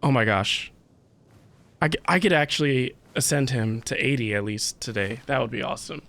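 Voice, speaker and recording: A man hosts a casual video game livestream, rambling and thinking aloud to his viewers with game music underneath. His mid-range voice is creaky and a bit bright, at a moderate pace.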